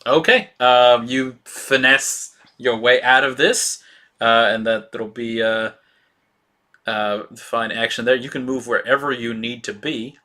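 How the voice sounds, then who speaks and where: Guy dm'ing a tabletop game, bright voice, lots of uhs and likes while he describes stuff. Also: mid-range voice, steady tone. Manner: descriptive, halting with many fillers. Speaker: game master.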